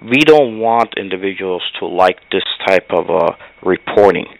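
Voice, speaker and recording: Low gravelly male guest analyst, emphatic and measured. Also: lively intonation, no echo, rough recording. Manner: measured, emphatic, with frequent uh fillers. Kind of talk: interview commentary.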